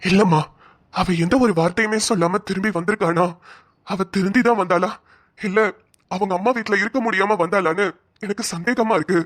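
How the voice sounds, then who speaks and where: Voice actor doing a firm young tamil husband in a cartoon, mid pitch, dry close mic. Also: a little fast, no room sound, lightly acted. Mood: earnest. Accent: Tamil Nadu colloquial Tamil. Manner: earnest, questioning, firm. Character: earnest, principled young husband.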